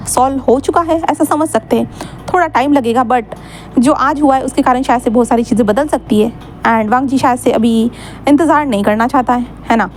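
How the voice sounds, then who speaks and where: A woman's voice: high-pitched, a little fast, slight background noise, lightly acted. Woman voicing a blunt young henchman. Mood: firm. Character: young man, a boss's assistant, blunt and firm.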